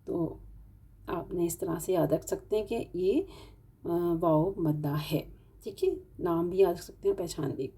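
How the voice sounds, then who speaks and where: In a lowish, dark, husky voice, a woman with a Pakistani Urdu-speaking accent teaches Quran recitation in an online tajweed lesson. She explains step by step with patience, elongating the example words.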